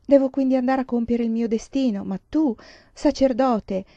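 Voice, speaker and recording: A woman's voice: on the high side, moderate pace, dark tone, dry recording, highs cut off, pitched above the performer's own voice, close to an everyday voice. A woman reading as a dying, defiant, bitterly ironic woman. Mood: pleading.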